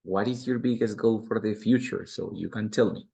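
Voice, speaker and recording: A man's voice: on the low side, moderate pace, gravelly, dark tone. A man in his forties with a Spanish accent, teaching an English grammar lesson and explaining each structure patiently, step by step, with repeated examples. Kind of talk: bilingual grammar lecture.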